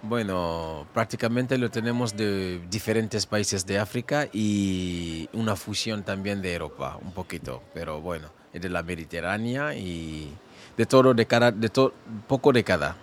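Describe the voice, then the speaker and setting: Hesitant low-voiced man cook. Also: measured pace. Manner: hesitant, searching for words. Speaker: cook, guest. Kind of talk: casual interview answers. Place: Barcelona.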